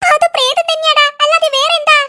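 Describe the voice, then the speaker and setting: A performer voicing an excitable, nosy young boy in a cartoon, chattering out questions. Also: very high-pitched, a little fast, pitched above the performer's own voice, heavily acted. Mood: excited. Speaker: cartoon character. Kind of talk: cartoon voice acting.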